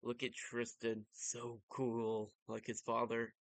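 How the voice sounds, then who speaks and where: A man's voice: medium pitch, monotone, slow pace, no room sound. A man narrating and commenting on a story in a casual, informal way, like an enthusiastic fan. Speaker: vtuber reading and commenting on manga.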